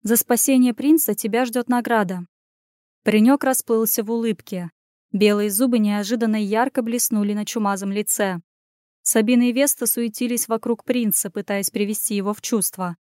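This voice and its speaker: A woman reading a fantasy audiobook aloud in a steady, expressive narration. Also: mid-range voice, dry recording, studio quality. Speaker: audiobook reader. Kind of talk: scripted narration.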